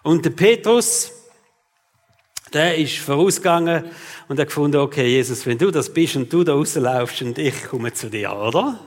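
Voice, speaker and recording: A man's voice: fairly high pitch, expressive, moderate pace, long reverb tail. A man, preaching a sermon as pastor and talking straight to his listeners, often tagging his sentences with "oder?". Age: 40s.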